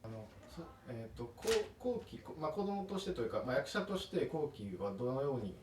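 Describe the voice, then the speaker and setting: Male interviewer, quick and halting, heard from off-mic in an echoey, noisy room. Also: mid-range voice, very animated. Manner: halting, filler-heavy questions. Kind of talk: interview questions. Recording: distant echoey room with noise.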